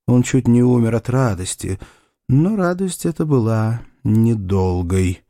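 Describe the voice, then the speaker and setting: A man reads a novel aloud in an unhurried, measured way. His pitch moves a lot to carry the story, and the recording is dry and close, with no room sound. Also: dry recording. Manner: expressive, measured reading. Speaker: narrator. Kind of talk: audiobook narration.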